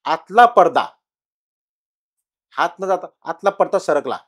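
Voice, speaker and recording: A middle-aged man with a fairly high voice tells his own ghost story to a podcast host. He talks casually and unpolished, pausing and restarting often, and his voice swells louder when the story turns tense. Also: lively intonation, husky. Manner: halting, with many fillers and restarts, rising louder at tense moments. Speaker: guest telling his own ghost experience.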